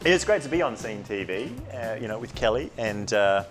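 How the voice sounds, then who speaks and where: A man's voice: on the low side, lively intonation, moderate pace, over music. A man working as a stage hypnotist, speaking in repetitive, suggestive phrases. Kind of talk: comedy hypnosis patter and interview chat.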